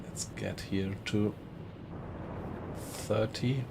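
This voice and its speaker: A man's voice: on the low side, drawn-out words, creaky, noisy background. A man with a German accent, casually commentating a live game stream and chatting with viewers. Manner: relaxed, chatty, greets viewers in chat.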